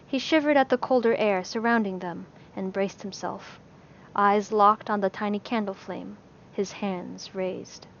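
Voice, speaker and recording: A woman narrating a fantasy story in a measured, steady storytelling voice. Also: medium pitch, gravelly, slight background noise. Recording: slightly dull lo-fi recording.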